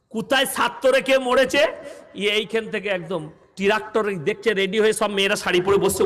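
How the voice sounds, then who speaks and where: A man's voice: sits high, a bit bright. A man preaching a humorous sermon, telling stories, acting out the villagers he quotes, and firing questions at his audience. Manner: fires rhetorical questions at the audience. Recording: long hall reverb.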